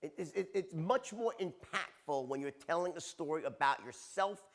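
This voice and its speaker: A man runs a storytelling seminar in an animated, punchy way, checking in with the room after nearly every point. His voice sits a little high for a man and swings widely as he speaks. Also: moderate pace. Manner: animated, tags points with "right?" and "okay?". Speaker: sales trainer.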